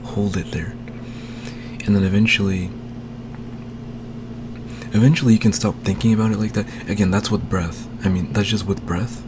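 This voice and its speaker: A man slowly explaining a speaking technique in a casual home tutorial, recorded on a desk microphone. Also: on the low side, fairly even intonation, noisy background. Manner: slow, unhurried, talking while demonstrating. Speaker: language learning vlogger.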